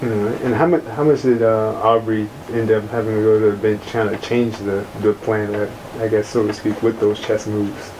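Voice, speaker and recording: A male reporter puts questions to a coach in a low, flat voice that hardly rises or falls. He hesitates and restarts often. A clear hiss runs under the recording. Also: moderate pace, hardly any pauses, rough recording. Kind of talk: asking interview questions.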